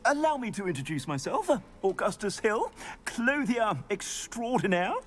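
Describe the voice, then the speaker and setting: An actor playing a pompous, courtly middle-aged wizard clothier in a video game, speaking in a formal, flowery way. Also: male voice, sits high, very animated, normal speed, slight background noise. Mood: gracious.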